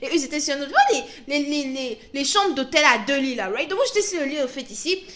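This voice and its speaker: A young woman giving a casual tarot reading, telling stories in an animated way, laughing often and mixing in English words. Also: high voice, fast. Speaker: tarot reader.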